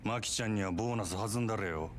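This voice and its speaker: An actor playing a blunt cabaret manager in a video game, with a gruff manner and an Osaka Japanese accent. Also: male voice, fairly low pitch, very fast, slight background noise, natural voice. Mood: gruff, businesslike. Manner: gruff, blunt, rough colloquial speech. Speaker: club manager.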